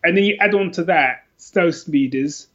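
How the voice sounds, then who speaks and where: A middle-aged Londoner guesting on a podcast chats casually and tells personal stories, rambling with enthusiasm and often repeating himself. His voice is fairly high and a bit bright at a normal speed, though the recording sounds muffled.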